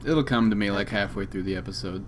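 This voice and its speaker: A man's voice: on the low side, quick pace, a little hiss or hum. A man co-hosting a podcast in casual chat, crude and joking, swearing freely. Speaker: podcast co-host.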